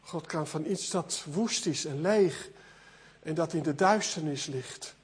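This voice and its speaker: A man's voice: fairly high pitch, breathy edge. A man preaching an earnest sermon, often repeating words as he builds a point.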